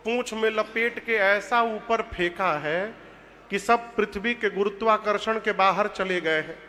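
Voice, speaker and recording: Animated high-voiced male storyteller. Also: a little slow. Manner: animated, joking, bursts into loud chants. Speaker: religious storyteller. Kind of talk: humorous devotional storytelling.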